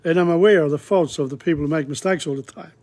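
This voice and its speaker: A man's voice: fairly high pitch, quick pace, a little mellow. A man teaching an informal language lesson, talking in a rambling, digressive, chatty way. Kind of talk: casual spoken lesson. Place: Australia.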